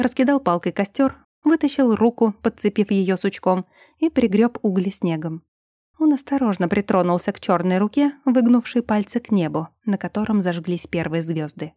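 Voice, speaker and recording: A woman narrating a novel as an audiobook. Her reading is even and measured, with a mellow, dark tone. The recording is dry and close. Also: medium pitch, no room sound.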